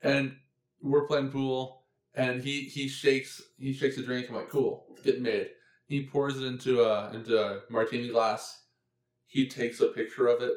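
A man's voice: medium pitch, level tone. A man tells a rambling story with jokes as he co-hosts a casual podcast. His voice sits in a middle range. The sound has a noticeable room echo. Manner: storytelling, joking, quick to laugh. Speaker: podcast co-host. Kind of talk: casual chat.

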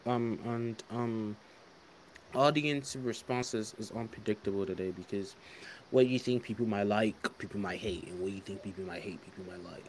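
A man's voice: lowish voice, normal speed, a little mellow, a little hiss or hum, rough recording. A man co-hosting a casual podcast chat, explaining his views at length in a reflective way. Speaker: podcast co-host.

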